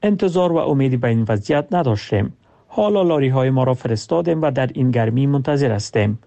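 Guy doing translation voice-over, weary, rough gravelly mellow voice. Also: mid-range voice, expressive.

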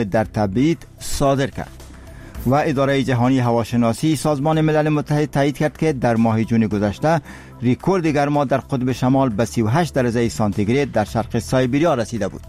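A man's voice: medium pitch, a little mellow. A man with an Afghan accent reading scripted radio news in a solemn, formal manner. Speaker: radio newsreader.

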